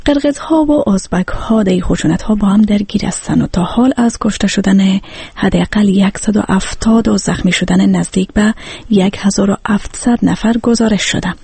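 A woman with an Afghan accent and a husky, creaky voice, presenting radio news. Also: mid-range voice, dark tone, no room sound.

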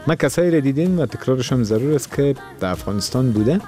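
A man's voice: medium pitch, animated, mellow, soft background music. A man with an Afghan Dari accent hosting a radio call-in show, talking earnestly and lecturing about keeping one's culture.

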